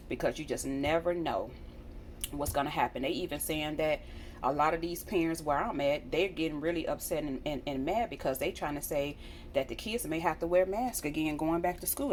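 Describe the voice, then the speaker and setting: There's a slightly mellow, low-pitched quality to this American woman's voice, plus a bit of background noise. As a vlogger, she talks directly to viewers in a casual, earnest way, echoing phrases for emphasis.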